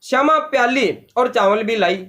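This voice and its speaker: A man's voice: very high voice, expressive, moderate pace, a bit bright. A man teaching a lesson, retelling a story and explaining it with lots of repetition. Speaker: Hindi teacher.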